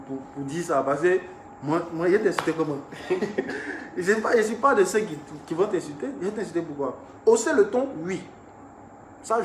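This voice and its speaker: A young male artist tells his viewers about an incident, speaking animatedly and swinging between hushed and raised speech in a voice that sits high. He's recorded in an echoey room with faint ambient noise.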